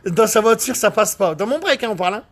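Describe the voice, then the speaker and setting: Man, husky voice, high pitch, quick speech, boastful. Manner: excitable, boastful, rambling. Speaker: car detailer. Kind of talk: casual chat while working.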